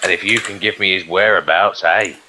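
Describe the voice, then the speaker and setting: A man's voice: sits low, fairly even intonation, brisk, pitched below the performer's own voice, close to an everyday voice. A man improvising a blunt, sardonic, menacing London gangster in a tabletop role-play, swearing and muttering threats. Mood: low, menacing. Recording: noisy room with clicks and typing.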